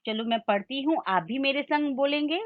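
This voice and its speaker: A woman teacher giving a Hindi lesson, slowly sounding out each word and explaining its meaning. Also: high voice, narrow, tinny audio. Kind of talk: slow classroom lesson with call-and-repeat.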